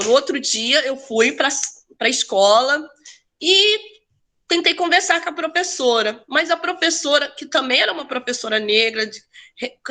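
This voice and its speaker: This high, pushed, bright voice belongs to a woman from Brazil who works as an educator and researcher. Chatting casually, she shares a personal story, often tacking on tag questions and restarting her sentences.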